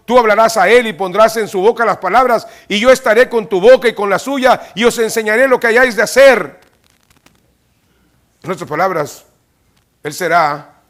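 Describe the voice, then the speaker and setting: A pastor, his voice male and on the high side, delivers a church sermon and dramatizes Bible dialogue with energy, pushing up to loud, rising peaks.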